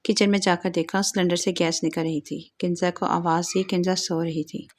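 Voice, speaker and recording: A woman's voice: lowish voice, level tone. A woman narrating an audio story with a moralizing, plain storytelling manner.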